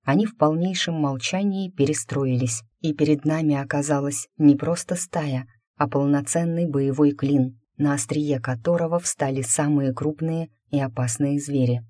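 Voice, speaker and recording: Dark-toned steady audiobook reader. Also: mid-range voice, normal speed, hardly any pauses, no echo, clean studio sound. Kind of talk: scripted fantasy narration.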